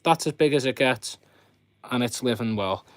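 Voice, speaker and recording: A man hosts a casual live stream in a mid-pitched voice. He rambles along conversationally, talking straight to his viewers, and the sound is dry with very little room around it. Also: moderate pace, no echo. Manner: rambling, chatty commentary with viewers addressed directly. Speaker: host of a fishkeeping live stream. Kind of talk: casual live chat, showing his fish tanks.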